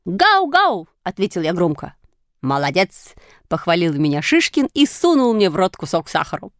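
A woman's voice: fairly low pitch, very animated, fairly quick, no echo. A woman reads a storybook aloud, her voice rising and falling expressively with every turn of the tale. The sound is dry and close, with no room around it. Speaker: reader. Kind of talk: storybook reading.

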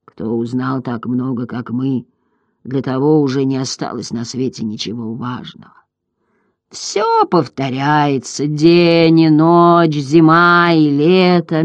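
An ancient giant female turtle from a storybook, voiced by a reader, speaks in a hoarse, gurgling drawl. Her words come slowly and often fade into breathy whispers. The recording is dry and close, with no room sound. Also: medium pitch, dry recording, dull audio. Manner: slow, drawling, fading to whispers. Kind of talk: audiobook character voice.

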